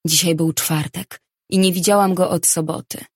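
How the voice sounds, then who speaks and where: Low-voiced woman reading an audiobook. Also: fairly even intonation, moderate pace, husky, dry recording, clean studio sound. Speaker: audiobook narrator. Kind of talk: first-person audiobook narration.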